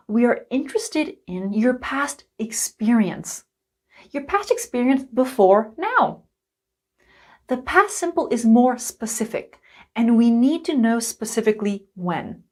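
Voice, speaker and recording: A woman teacher walks through a grammar lesson at an unhurried pace, stressing each key phrase with care. Her voice sits a little high and swings widely in pitch. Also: dark tone. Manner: slow, deliberate, emphatic explaining. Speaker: English teacher.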